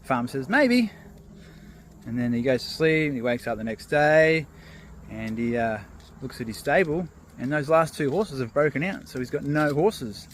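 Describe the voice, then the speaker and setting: A man's voice: medium pitch, moderate pace, a little hiss or hum. A man vlogging while out on a walk, casually telling a fable and musing on feelings. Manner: relaxed, loose, with fillers and restarts. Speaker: motivational vlogger. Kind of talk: casual storytelling vlog. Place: outdoors on a walk.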